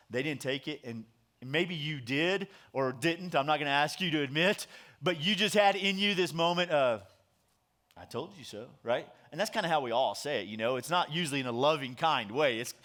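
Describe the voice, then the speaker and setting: A man's voice: a little high, a bit bright. A man preaching a sermon as pastor, conversational and joking, drawing in his audience.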